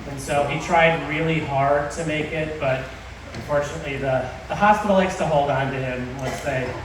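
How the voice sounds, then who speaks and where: A man giving an informal wedding toast as the groom, speaking haltingly to his guests. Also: fairly high pitch. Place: large reverberant venue with guests. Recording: echoey hall from far off, noisy crowd.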